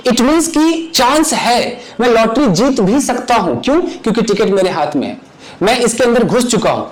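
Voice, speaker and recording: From his home kitchen, a man teaches English grammar in a Hindi-English lesson with live demonstrations, his very high-pitched voice swinging widely in pitch at a normal speed. His style is chatty, with regular checks on whether viewers understand. The audio is poor.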